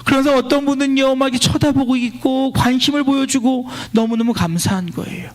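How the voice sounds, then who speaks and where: High-voiced male pastor preaching. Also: fairly even intonation, a little fast. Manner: leads a responsive scripture reading line by line; exclaims praise lines loudly, then drops to quiet storytelling. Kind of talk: sermon. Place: church worship service.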